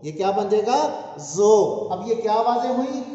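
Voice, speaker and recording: A man's voice: sits high, lively intonation, normal speed, warm tone. A man teaching a language lesson, writing out sounds and coaxing learners to repeat after him. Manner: coaxing, calls for repeating aloud. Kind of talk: spoken language lesson with drills. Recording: dull echoey room, long reverb.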